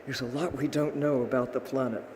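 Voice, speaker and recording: A man giving a podium speech, making an emphatic appeal in short, deliberate phrases. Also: medium pitch, steady tone, darkish tone. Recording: clearly noisy live event recording.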